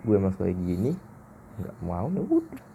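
A man's voice: low voice, huge pitch swings, normal speed, gravelly, warm tone, slight background noise. A man hosting a casual solo podcast, blunt, slangy and self-mocking. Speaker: podcast host.

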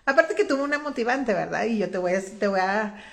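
A woman's voice: medium pitch, fairly quick, creaky. A woman giving a conversational Bible teaching, retelling the story folksily and tagging her sentences with little checks to the listener. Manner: folksy, constantly adds "¿verdad?"; expressive retelling with quoted voices.

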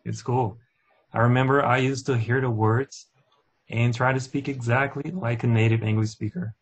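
A Brazilian man with a Portuguese accent, talking in a relaxed, easygoing way on a casual podcast. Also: medium pitch, moderate pace. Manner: relaxed, easygoing, filler-heavy. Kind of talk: casual group chat.

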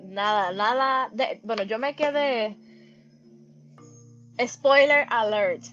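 Animated woman avoiding spoilers. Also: on the high side, takes it slowly, muffled recording, faint music behind. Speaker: podcast co-host. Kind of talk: casual anime discussion.

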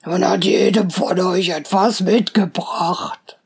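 A woman doing a sly, low-voiced wolf. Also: steady tone, gravelly, breathy edge, exaggerated voice. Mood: coaxing. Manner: low, drawn-out and coaxing. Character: sly male wolf, a wicked deceiver.

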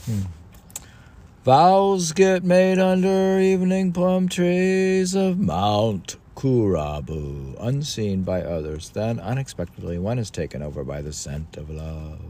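Slow, mellow and animated, a medium-pitched older man reads a book for his podcast audience. He keeps interjecting rambling, musing comments that poke fun at himself, and he repeats passages along the way.

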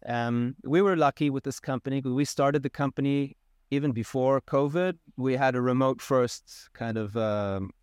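A man in his thirties who grew up in Israel, a podcast guest explaining his work in a relaxed, plain way. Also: medium pitch, moderate pace, clear, resonant tone, dry recording, studio quality. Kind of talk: casual interview conversation.

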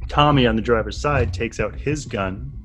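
A man narrating a tabletop game as game master, relaxed and playful. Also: medium pitch, moderate pace, music in the background.

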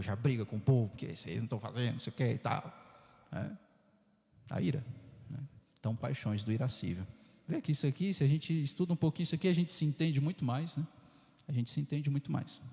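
Gravelly-voiced priest in an echoing church. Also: male voice, mid-range voice, darkish tone. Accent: Brazilian Portuguese. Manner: conversational, constant "né?" tag questions, acts out inner voices. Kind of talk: informal catechesis talk. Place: parish church hall. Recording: reverberant church hall, flawed audio.

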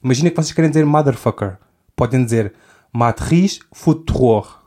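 Young portuguese guy rambling on his podcast, keeps cutting himself off and laughing, middle pitch voice. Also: rapid-fire, a little mellow. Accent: European Portuguese. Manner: rambling, self-interrupting, laughs often. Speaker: podcast host. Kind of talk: casual comedic monologue.

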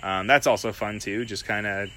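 A man talking in a relaxed, rambling way in a casual podcast chat, swearing now and then. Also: on the low side, normal speed, slight background noise.

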